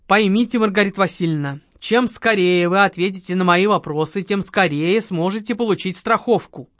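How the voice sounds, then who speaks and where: A woman's voice: medium pitch, moderate pace, fairly bright tone, no echo, clean studio sound, natural voice. Woman reading a shrewd male investigator. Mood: calm questioning. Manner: firm, patient questioning.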